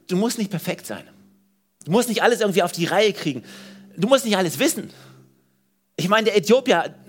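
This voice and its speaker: A man preaches a sermon in church. His voice sits high for a man, and his delivery is lively and emphatic. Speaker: pastor. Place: church service.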